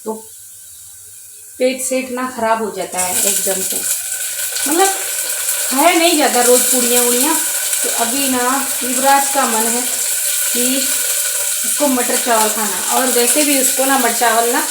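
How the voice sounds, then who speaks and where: A young woman talks straight to her viewers in a relaxed home vlog, wandering from one little story to the next with plenty of fillers. Her voice sits a little high. The room around her is echoey, like a bare kitchen at home. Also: a little slow, long pauses, noisy background. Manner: chatty, rambling storytelling with many fillers. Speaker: vlogger. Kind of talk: casual home vlog chat.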